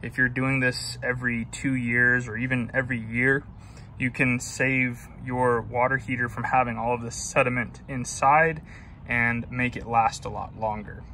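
A man's voice: medium pitch, level tone, moderate pace, pushed and bright, a little hiss or hum. A man hosting a do-it-yourself video, casually explaining each step of a repair in a basement utility room. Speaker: DIY HVAC video host. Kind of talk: casual how-to demonstration.

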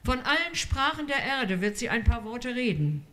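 A woman voicing a weary, wistful grown man, speaking low and resigned. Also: sing-song, moderate pace, fairly bright tone.

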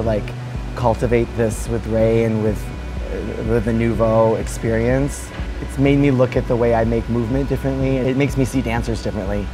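A man's voice: medium pitch, poor audio. A man in his thirties, a dance teacher, giving reflective interview answers with many fillers and restarts, recorded on a lapel mic in a large hotel lounge.

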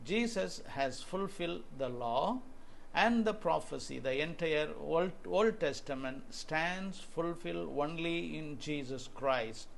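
A man's voice: fairly high pitch, slow pace, vocal fry, a little hiss or hum. A man in his sixties with an Indian English accent preaching earnestly to camera in a small room, quoting scripture. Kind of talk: home video sermon.

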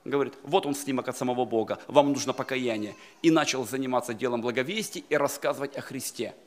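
A middle-aged man preaching a sermon to a church congregation in an emphatic manner that rises to loud exclamations. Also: medium pitch, fast. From Slavic Baptist emigrant community in California. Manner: emphatic, rising to loud exclamations, addresses congregation as brothers and sisters. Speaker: pastor. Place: church hall.

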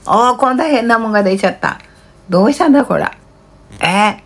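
A woman's voice: fairly high pitch, animated, a little fast. An elderly woman with a rural Kanto dialect, chatting casually on a home livestream, muttering and grumbling in a flustered, plaintive way. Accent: rural Kanto Japanese dialect. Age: elderly, about 80s. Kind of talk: casual livestream chat, muttering and reading out comments. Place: small cluttered home kitchen-dining room, indoors. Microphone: handheld phone close to the face. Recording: faint room noise, handheld phone.

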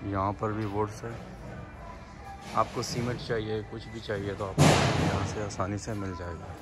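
A man's voice: fairly low pitch, little pitch movement, moderate pace. A man in his thirties from Pakistan vlogs casually while walking through a big hardware store, rambling and thinking aloud with fillers, recorded on a phone he carries. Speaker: vlogger. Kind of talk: casual walking-tour vlog. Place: big-box hardware store, indoors, then outdoor parking lot. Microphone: phone held by the walker, then at arm's length. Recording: loud music under voice.

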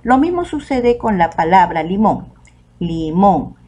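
A woman teacher with a Peruvian Spanish accent, giving a recorded online lesson to children and saying the example words out slowly and clearly. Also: mid-range voice, lively intonation, a little mellow. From Peru.

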